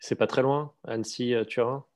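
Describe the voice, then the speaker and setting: A man's voice: mid-range voice, fairly even intonation, moderate pace, a little mellow. A man interviewing a guest informally, asking probing questions with fillers and restarts. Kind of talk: casual conversational interview.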